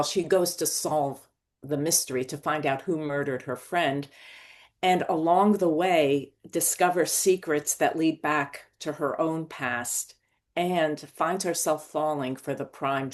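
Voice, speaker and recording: An older woman from Morocco, a novelist and screenwriter, telling her story as a podcast guest in an animated, digressive way. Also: sits low, a little slow.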